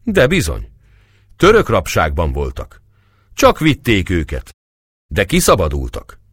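A man's voice: low-pitched, wildly swooping pitch, fairly bright tone, husky, no echo, clean studio sound, full character voice. A man voicing a polite young blond soldier lad in a read novel. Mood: respectful.

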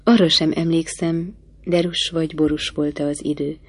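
A woman reading a novel aloud in the first person, with measured, expressive storytelling. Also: low voice, husky, no echo, studio quality. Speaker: audiobook narrator. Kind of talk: first-person literary narration.

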